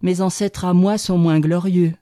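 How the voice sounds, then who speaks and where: A cynical fir tree in a storybook, tossing off wry, slangy remarks in a mellow, close voice. A woman voices it while reading. The sound is dry and near. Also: on the low side, steady tone, unhurried, no echo, natural voice. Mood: sarcastic. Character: sly fir tree, sharp-tongued and cynical. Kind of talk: audiobook reading.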